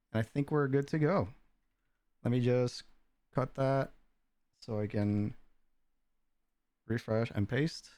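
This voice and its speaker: A man hosting a livestream, chatting casually and getting excitable, bursting into laughter and shouts. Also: mid-range voice, clean tone, no echo. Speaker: stream host.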